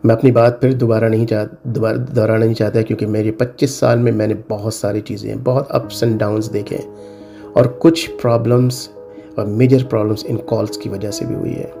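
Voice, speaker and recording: Faint music sits behind a middle-aged Pakistani cyber security consultant as he advises viewers informally. His fairly low voice is gravelly and warm, with a flat delivery at a moderate pace. He uses English phrases and drives his warnings home through repetition.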